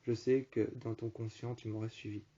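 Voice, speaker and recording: A man voicing a fragile, tearful young woman in a story, speaking softly and pleading. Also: lowish voice, level tone, normal speed, breathy edge. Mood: hushed pleading. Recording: dull lo-fi recording.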